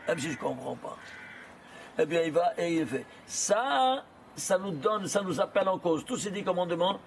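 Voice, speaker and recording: A man giving an animated lesson, asking questions and answering them himself in rapid bursts. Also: high voice, slight background noise. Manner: animated, asks and answers his own questions. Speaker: Torah teacher. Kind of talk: lively lesson on gematria.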